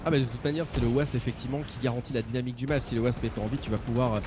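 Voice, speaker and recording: A man's voice: medium pitch, very fast. A man giving casual, emphatic live commentary as an esports caster. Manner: excitable, emphatic. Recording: clear game noise behind the voice.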